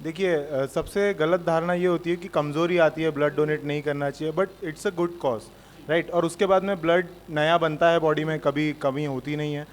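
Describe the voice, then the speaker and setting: A man who has just donated blood speaks in a relaxed, reassuring way, tossing in English phrases. His voice is somewhat high for a man. Faint ambient noise runs in the background. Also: normal speed. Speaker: blood donor guest. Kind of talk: interview answers.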